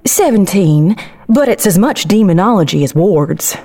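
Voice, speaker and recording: An actress playing a proud, exasperated young herb healer, dry and articulate, in a fantasy audio drama. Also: female voice, mid-range voice, animated, normal speed, dark tone. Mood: dry, confident.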